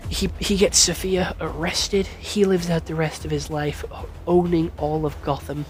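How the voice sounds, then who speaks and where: A man reviews a series in a casual, rambling way, swearing often and getting excited. When he talks fast he sometimes stumbles over his words. His voice is medium-pitched.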